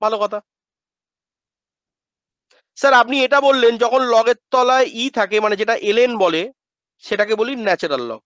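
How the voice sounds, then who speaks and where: A male math teacher giving a classroom lecture, asking questions and answering them himself as if he were a student, and drilling pronunciation slowly. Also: extremely high pitch, fairly bright tone, no room sound. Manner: asks and answers his own questions in students' voice. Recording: dull lo-fi dry sound.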